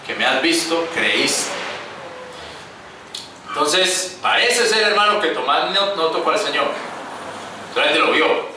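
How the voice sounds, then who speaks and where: A man's voice: a little high, lively intonation, a little slow, long pauses, noisy background. A man preaching a sermon to his congregation, calling them brothers and acting out the voices in the scripture he tells. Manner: addresses the congregation as brothers, acts out quoted voices. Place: church hall. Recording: echoey room, picked up from a distance.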